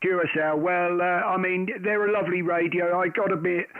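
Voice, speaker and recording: A man's voice: high voice, fairly even intonation, fairly quick, dry recording, phone-quality sound. A man hosting amateur radio, chatting in a casual, rambling way and calling out call signs. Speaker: host of a live amateur radio stream. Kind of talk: casual radio chat and call-sign exchanges. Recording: thin band-limited radio-like sound, dry.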